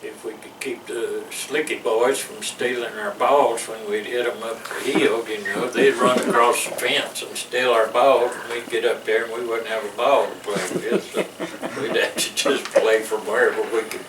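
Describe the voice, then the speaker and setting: A man's voice: mid-range voice, steady tone, normal speed, hardly any pauses. An older man, a veteran telling rambling stories in an interview with frequent restarts and chuckles. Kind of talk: reminiscing interview. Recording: roomy distant mic with background noise.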